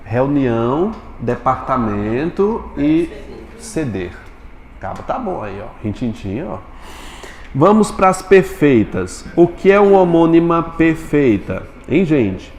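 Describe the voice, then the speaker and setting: A male teacher giving a Portuguese lesson in a classroom, quizzing his students with quick questions. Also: fairly high pitch, big pitch swings, darkish tone, echoey room, in a large hall.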